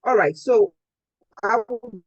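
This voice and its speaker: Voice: medium pitch, no echo. A glitchy, breaking-up moderator on a call. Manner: halting, repeats itself while checking the line. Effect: voice breaking up and cutting out on a glitchy call connection. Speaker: panel moderator. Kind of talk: online panel discussion. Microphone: video call. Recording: dull lo-fi dry call audio.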